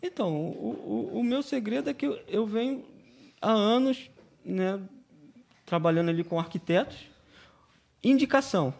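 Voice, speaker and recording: A man's voice: high voice, normal speed, creaky, long pauses, darkish tone. A man with a Brazilian accent, a painting business owner who is a podcast guest, talks casually as a chatty storyteller who keeps tagging his sentences with "né?". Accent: Brazilian Portuguese. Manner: chatty storyteller, constantly adding "né?".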